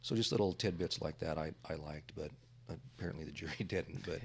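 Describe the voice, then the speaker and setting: A man with a very deep voice talks on a podcast panel as a defense trial lawyer. He speaks haltingly and leans on fillers as he recalls cases. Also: breathy edge.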